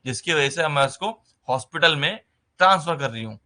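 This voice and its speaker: Bright-voiced male tutor explaining slowly. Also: fairly high pitch, lively intonation. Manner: conversational, repeats "ठीक है" as a filler, mixes English terms into Hindi. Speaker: nursing exam tutor. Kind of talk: explaining exam basics in a recorded lesson.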